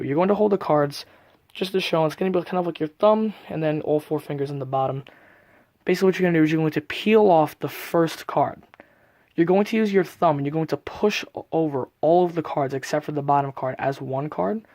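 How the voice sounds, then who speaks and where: A man's voice: a little high, a little fast, a little mellow, no room sound. A man giving a casual, methodical step-by-step card trick tutorial, often recapping as he goes. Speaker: magic tutorial presenter.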